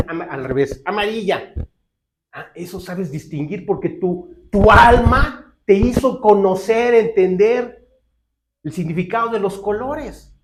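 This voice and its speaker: A man's voice: fairly high pitch, slight background noise. A man with a Mexican Spanish accent, preaching a sermon in a conversational way and often checking in with his listeners. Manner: conversational preaching with frequent tag questions. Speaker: pastor.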